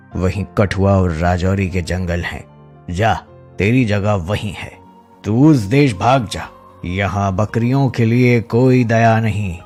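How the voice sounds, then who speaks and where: A man's voice: fairly low pitch, darkish tone. A man voicing a commanding voice from the heavens in a cartoon story. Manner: solemn commands.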